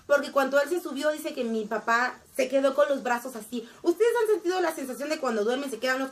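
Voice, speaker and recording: A young woman tells a story straight to her viewers in a high, bright voice. She is animated and chatty and often restarts her sentences. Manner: animated, addresses viewers directly, frequent restarts and fillers. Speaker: vlogger telling a family story. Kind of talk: casual storytelling to camera.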